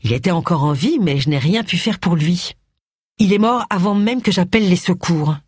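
A woman's voice: lowish voice, expressive, normal speed, a little mellow, slightly rough, no room sound, studio quality. A woman voicing a determined middle-aged amateur detective in an audiobook.

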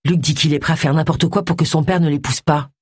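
A man's voice: a little high, steady tone, quick pace, a little mellow, husky, dry recording, studio quality. A reader voicing a tipsy young man at a bar who blurts out gossip.

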